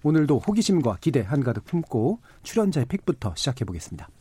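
Lively male public radio host, brisk and formal. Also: mid-range voice. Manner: formal, articulate presenter delivery. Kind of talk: scripted public radio hosting.

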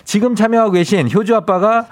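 A man's voice: high-pitched, brisk, no echo. A man hosting a radio quiz like a game show host, presenting questions and bantering playfully with the contestant. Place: studio.

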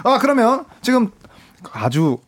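A man hosting a Korean variety show, lively and exclamatory as he runs the games. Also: very high-pitched, measured pace, crowd noise. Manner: animated, exclamatory. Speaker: host.

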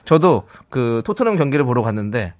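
A man's voice: mid-range voice, sing-song, fairly quick, a little mellow. A man hosting a radio show in a casual chatty way, reading out listener messages with upbeat energy. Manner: upbeat, reads out listener texts. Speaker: radio host.

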